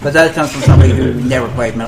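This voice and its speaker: A podcast host with a medium-pitched, steady voice races through a casual chat, blunt and opinionated yet searching for his words. Loud crowd chatter surrounds his voice.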